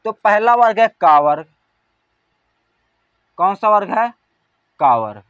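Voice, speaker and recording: A man teaching an exam-prep grammar lesson, asking questions and answering them himself, calling out syllables one by one and trailing off softly. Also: sits high, big pitch swings, takes it slowly, smooth, no room sound, dull audio.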